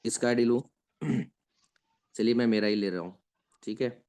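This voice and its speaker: Brief: male trainer, patient step-by-step screen-share tutorial, mid-pitched. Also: normal speed, a little mellow. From India. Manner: patient step-by-step explaining, often checking in with listeners. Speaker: trainer explaining an app.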